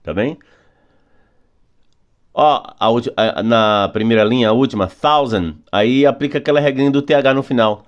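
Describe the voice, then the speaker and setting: A man who speaks Portuguese natively, teaching English phonics patiently, slowing down on rules and repeating examples. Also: medium pitch, clear, resonant tone, muffled recording. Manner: patient, repetitive, drawing out key words slowly. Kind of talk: phonics lesson explanation.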